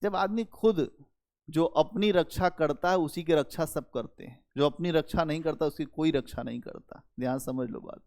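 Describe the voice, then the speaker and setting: Man, history teacher, North Indian accent, high-pitched, animated, conversational lecture. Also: moderate pace. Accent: Hindi-speaking North Indian. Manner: animated, conversational, addresses students directly. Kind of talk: classroom lecture.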